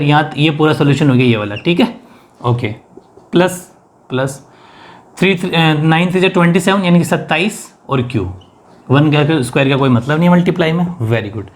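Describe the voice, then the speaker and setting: A man with a slightly high voice talks through a whiteboard maths lesson. He mixes English terms into his speech and keeps asking questions, then answering them himself. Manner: asks and answers own questions. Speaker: maths teacher.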